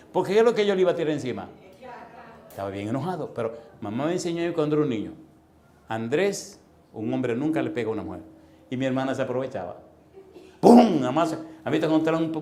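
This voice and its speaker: Animated storytelling pastor, higher-voiced man. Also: rapid-fire, roomy sound. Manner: animated, acts out voices and sounds, rising to forceful emphasis. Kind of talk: storytelling sermon.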